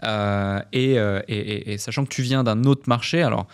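A man's voice: lowish voice, moderate pace, smooth. Hesitant male podcast host. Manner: hesitant, many fillers and repeated words. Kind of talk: interview questions.

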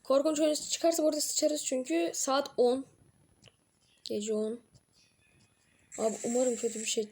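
A young woman doing horror game let's-play commentary, jumpy and excitable, swearing and dropping to low mutters between outbursts. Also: measured pace, long pauses. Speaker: gaming channel host.

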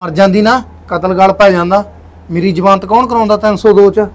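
Young guy playing a bossy young husband, high voice, talks fast, keeps pushing. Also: fairly even intonation, lightly acted. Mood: scheming. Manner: insistent, brusque, repeats himself. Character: controlling young husband hiding a secret. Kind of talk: Punjabi short film acting.

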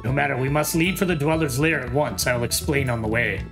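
A man's voice: medium pitch, fast talker, creaky, close to an everyday voice. A man voicing a stern old headmaster from a fantasy game, reading dialogue like a formal announcement. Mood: stern, commanding. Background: game music.

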